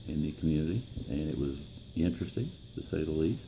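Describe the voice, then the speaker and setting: An elderly American man with a gravelly old voice, reminiscing in a plain-spoken, halting way in an interview. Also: very deep voice, lively intonation, warm tone, slight background noise, poor audio. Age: 70s or older. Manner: plain-spoken, halting, pausing mid-phrase. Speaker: interviewee, grandfather.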